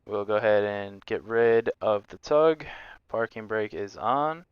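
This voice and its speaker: Smooth low-voiced man casually livestreaming. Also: unhurried, dry recording, highs cut off. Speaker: flight simulator livestreamer. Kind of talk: casual livestream commentary with pilot radio calls.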